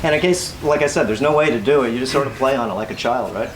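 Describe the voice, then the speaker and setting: A man's voice: medium pitch, quick pace. A man giving a casual, rambling exercise demonstration, instructing as he goes and repeating himself. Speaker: workout host. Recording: clearly noisy ambient background.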